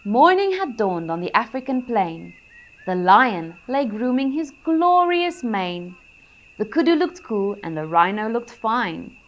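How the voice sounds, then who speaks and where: Slow, high-voiced children's storyteller woman. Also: muffled recording. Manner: gentle, expressive, rhythmic reading with gasps. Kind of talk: reading a picture book aloud.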